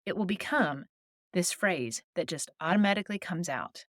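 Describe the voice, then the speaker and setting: Woman podcast host, faith-based advice, earnest and encouraging, lively pitch, dry close sound. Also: moderate pace, no echo. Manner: calm, earnest and encouraging, with little laughs.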